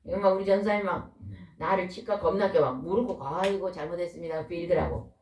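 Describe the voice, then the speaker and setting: A woman preaching a lively, folksy sermon, a pastor's wife who keeps asking the congregation questions. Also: fairly low pitch, fast talker. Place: church hall. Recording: echoey hall, voice from far off.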